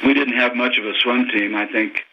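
An older man from Texas, a former diver, recalling his youth in a phone interview, talking unhurriedly with many pauses and ums. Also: medium pitch, steady tone. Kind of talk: phone oral history interview. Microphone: telephone. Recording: muffled phone line with faint noise.

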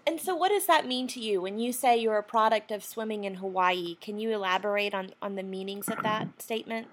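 A woman conducting an oral history interview, asking questions in a formal, measured way. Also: mid-range voice, a little hiss or hum.

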